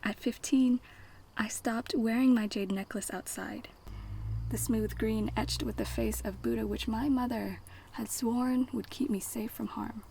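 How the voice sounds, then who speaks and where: Gravelly young woman performing spoken word. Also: on the high side, fairly even intonation, a little slow, warm tone, slight background noise, rough recording. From United States. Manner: rhythmic, dramatic delivery with repeated refrains. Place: banquet event.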